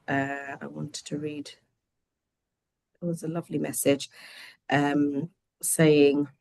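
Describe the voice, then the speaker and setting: A woman hosts an online study session from home over a video call, speaking in a deep, low, slightly croaky voice with little pitch movement and a slow pace. She is gentle and chatty, using plenty of fillers. The sound is dry and close, with no echo.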